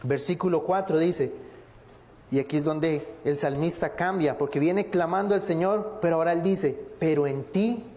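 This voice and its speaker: A male preacher delivers a sermon with a somewhat high yet warm, mellow voice. He speaks deliberately, poses rhetorical questions and slows down when reading scripture. His voice rings with the long reverb of a church hall.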